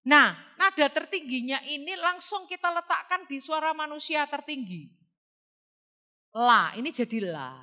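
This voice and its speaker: A woman teaching a music class, singing solfege examples between brisk explanations. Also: sits high, animated, pushed and bright.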